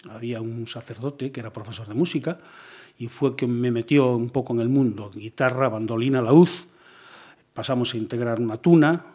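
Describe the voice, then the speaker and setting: A middle-aged police commissioner from Galicia, Spain, speaks expansively as a guest in a casual radio interview, often ending phrases with "eh?" and repeated yeses. His mid-range voice is a little mellow with a breathy edge, at a moderate pace.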